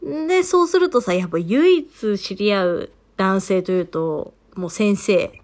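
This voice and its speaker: A woman's voice: medium pitch, unhurried. A woman in her thirties, co-hosting a casual podcast chat and telling stories with frequent laughs. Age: 30s. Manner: animated storyteller, laughs often. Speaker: podcast co-host.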